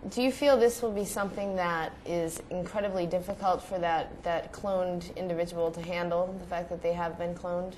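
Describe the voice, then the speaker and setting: A woman's voice: lowish voice, steady tone, moderate pace, few pauses, a little mellow, a little hiss or hum, poor audio. A woman taking part as a questioner, asking things in a casual, conversational way. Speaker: audience questioner at a channeling session.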